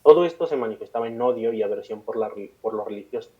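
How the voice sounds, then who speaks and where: Fast-reading Mexican man, dull audio. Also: lowish voice. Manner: reads long passages, breaks into slangy chat. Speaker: podcast co-host reading the segment. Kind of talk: reading a script with casual banter.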